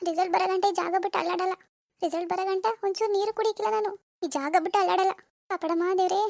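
A woman's voice: very high-pitched, steady tone, rapid-fire, gravelly, darkish tone, no room sound, studio quality. A woman voicing an anxious teenage village girl in a cartoon, pleading in a rural Karnataka Kannada accent. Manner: pleading, repetitive, dramatic. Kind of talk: cartoon voice acting.

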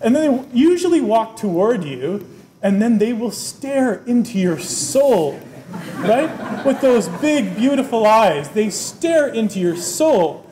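A man's voice: extremely high pitch, slow pace. A middle-aged man, dean of a business school, giving a conversational keynote at a podium and often checking in with "right?". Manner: animated, conversational, often adds "right?", gestures with both hands. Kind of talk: keynote speech. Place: lecture room, at a wooden podium, indoors. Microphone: podium microphone. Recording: roomy lecture-room sound, faint background noise.

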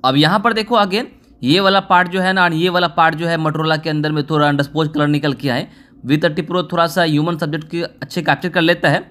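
A man with a high voice gives a casual voice-over review. He talks in a steady, explanatory way, pointing the viewer to one detail after another as he goes. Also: brisk. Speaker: tech reviewer.

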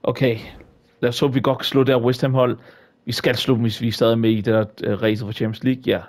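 A man giving excitable, exclamation-filled commentary while he plays a football video game. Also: mid-range voice. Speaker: gaming YouTuber.

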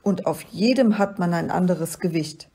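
A woman's voice: on the low side, normal speed, dark tone, breathy edge. A woman voicing an indignant little male alien space pilot in a storybook reading. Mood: proud. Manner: indignant, emphatic.

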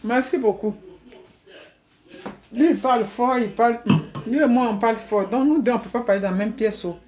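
A middle-aged woman chatting live to her viewers from a room at home, animated, often laughing, thanking people by name. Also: on the high side, normal speed, slight background noise. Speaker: livestreamer. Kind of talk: casual live stream chat. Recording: echoey room.

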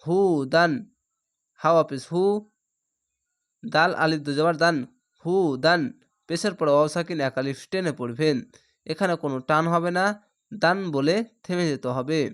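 Male teacher, spelled-out recitation lesson; patient, methodical, clear resonant tone. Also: a little high, a little slow, long pauses. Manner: patient, spells each letter and vowel, then blends the syllables. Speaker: Quran reading teacher.

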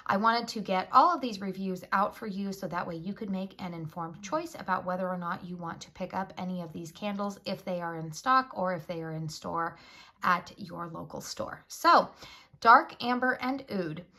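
A woman's voice: lowish voice, normal speed, bright, forceful tone. Nasal-voiced woman with a head cold. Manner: chatty, friendly, with frequent fillers. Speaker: candle reviewer. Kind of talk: casual product review.

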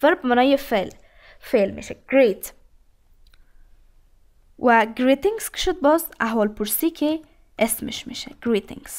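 A woman gives an English lesson in a notably high voice. She reads each English phrase slowly and carefully, then explains what it means. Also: expressive. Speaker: English teacher. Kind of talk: language lesson.

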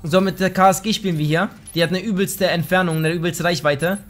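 A young man giving live commentary over his shooter gameplay, excitable and slangy, often swearing in annoyance. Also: high-pitched, fairly quick, faint music behind. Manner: slangy, says "Alter" a lot. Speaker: let's play gamer. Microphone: gaming microphone.

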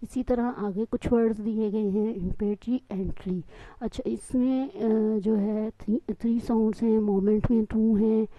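A woman's voice: fairly high pitch, fairly even intonation, unhurried, dark tone, no room sound. A woman teacher explaining an English exercise patiently, often checking in with the class. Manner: explains patiently, mixing Hindustani and English, checks with "theek hai ji". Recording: dull lo-fi recording.

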